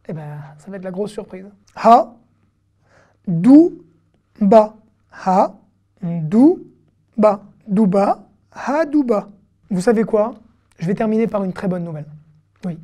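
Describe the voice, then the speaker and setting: A woman teaching an online reading lesson, patiently repeating syllables slowly with casual fillers. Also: mid-range voice, warm tone. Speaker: Hebrew teacher.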